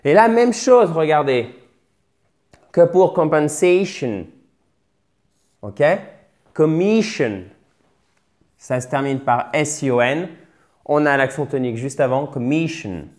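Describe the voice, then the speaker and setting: A man's voice: fairly high pitch, measured pace, pauses often, darkish tone. A native French-speaking man teaching English vocabulary, explaining patiently and repeating words to drill their stress. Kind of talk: bilingual vocabulary lesson.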